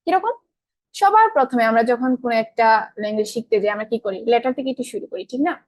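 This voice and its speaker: A young woman teaches an online class at a rapid clip. Her voice sits on the higher side, and she keeps quizzing her students and answering herself. The recording is dry and close. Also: big pitch swings, no echo. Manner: asks the class questions and answers them herself; colloquial, mixes in English terms. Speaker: English grammar teacher.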